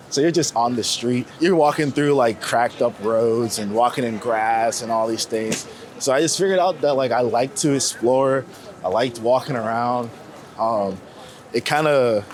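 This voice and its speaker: City traffic and passing vehicles fill the background as a young American man from Florida, a street photographer, is interviewed on New York streets. He speaks in a mid-range voice, casually and candidly, using slangy, informal language in a reflective chat.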